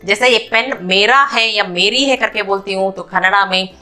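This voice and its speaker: A woman teaching a beginner language lesson, repeating each word slowly several times. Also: mid-range voice, pushed and bright. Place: room with a whiteboard.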